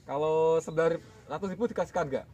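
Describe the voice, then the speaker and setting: A man hosting a casual sales walkthrough video, keeping up a brisk salesman's patter and repeating each price. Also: fairly high pitch, lo-fi sound, crowd noise. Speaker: vlog host showing bonsai for sale.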